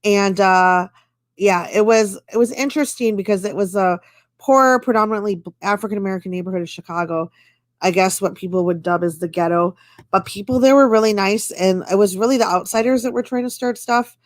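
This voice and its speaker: A woman's voice: medium pitch, a little fast, no room sound, clean studio sound. A woman hosting a casual live-stream chat, rambling along with lots of fillers. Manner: chatty and rambling, with many fillers. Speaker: stream host.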